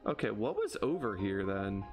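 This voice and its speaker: A man's voice: fairly low pitch, very animated, moderate pace. A young man streaming a video game from a small room, giving casual commentary. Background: game music.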